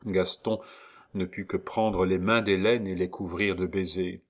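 A man narrating a classic novel in a measured, even storytelling manner. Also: sits low. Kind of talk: audiobook reading of a classic novel.

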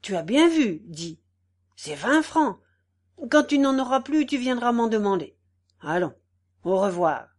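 A woman's voice: medium pitch, expressive, slow pace. Woman putting on a pompous bullying squire. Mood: wheedling. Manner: boastful, then furious and shouting, then fawning.

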